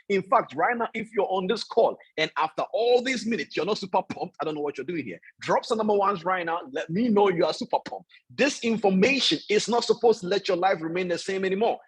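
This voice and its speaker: Motivational trading coach, male, slightly high and husky, very animated delivery on a video call. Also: low-quality recording. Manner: animated, preachy, repeats phrases for emphasis; talks directly to listeners, asks "does that make sense?". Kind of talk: motivational online call lecture.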